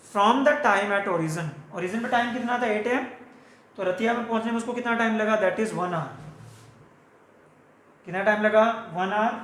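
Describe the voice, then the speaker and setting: Physics teacher, unhurried and repetitive, in an echoey room. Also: medium pitch, a bit bright, slight background noise. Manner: slow and deliberate, repeats key points and asks questions back. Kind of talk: classroom lecture mixing Hindi and English. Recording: roomy echo.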